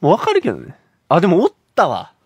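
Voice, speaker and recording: A young man with an Osaka Kansai accent, joking and teasing his co-host in a radio studio. His voice is a little husky, and his pitch jumps around a lot. He talks quickly, and the close, dry sound carries no room echo. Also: huge pitch swings, a little mellow. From Osaka, Japan. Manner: playful, teasing, reads listener letters. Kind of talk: casual radio chat.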